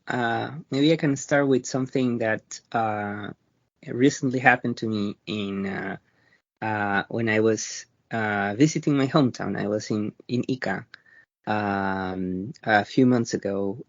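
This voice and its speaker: A man from Peru with a Peruvian accent, answering interview questions in a thoughtful, halting way, often pausing to rethink his words. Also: on the low side, no echo. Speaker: interview guest, researcher. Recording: dry, slightly dull lo-fi sound.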